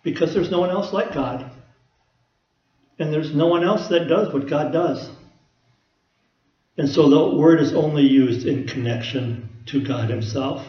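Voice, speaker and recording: A man's voice: on the high side, measured pace, long pauses, echoey room, lo-fi sound. A man preaching a conversational teaching sermon, explaining scripture with everyday personal examples. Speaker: pastor.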